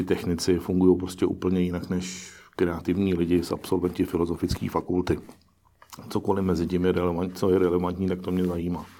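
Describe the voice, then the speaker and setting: A man's voice: deep voice, mellow. A middle-aged man answering interview questions as an investor, talking in a pragmatic, musing way with frequent restarts. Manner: pragmatic, musing, self-correcting.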